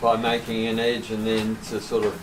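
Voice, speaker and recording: A man's voice: on the low side, completely flat delivery, moderate pace, noisy background. An older man in his sixties giving casual hands-on instruction as a surf coach, explaining things and often checking in with "right?". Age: older, about 60s. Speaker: surfboard seller and surf coach. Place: open surfboard workshop with roller door. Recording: echoey workshop, distant mic, background music.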